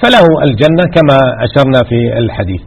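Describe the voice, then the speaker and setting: A man's voice: medium pitch, huge pitch swings, fast talker, slightly rough. A man teaching a religious lesson, exhorting his listeners and repeating key words for emphasis. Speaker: sheikh teaching hadith.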